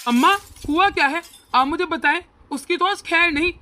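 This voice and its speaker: Woman doing a hotheaded young husband in a cartoon, high voice for a guy, blustery threats. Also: normal speed, bright, forceful tone, a little hiss or hum. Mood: threatening. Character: hot-tempered young husband, mother's boy.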